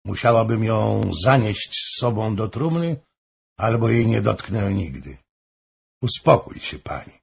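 A man's voice: fairly low pitch, expressive, unhurried, vocal fry, a little hiss or hum. A man reading an audiobook, voicing a proud young woman who answers firmly and with indignation. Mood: proud puzzled.

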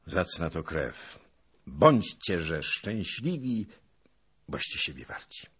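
A man voicing a careworn prince and commander who speaks softly and gently, in a husky voice. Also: low voice, sing-song, takes it slowly, full character voice. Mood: gentle. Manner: soft, gentle, subdued.

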